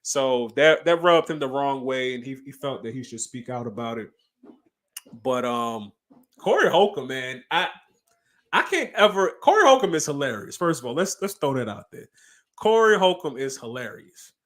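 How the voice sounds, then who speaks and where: Male podcast co-host, mid pitch, emphatic casual chatter. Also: sing-song, normal speed, a bit bright. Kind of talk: casual chat.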